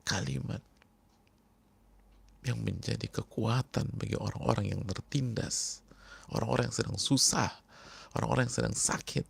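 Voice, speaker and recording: A man preaching a sermon to a congregation, speaking emphatically and repeating key words, often dropping to hushed tones. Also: on the low side, normal speed, creaky, long pauses, breathy edge. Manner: addresses the congregation directly. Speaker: Islamic preacher.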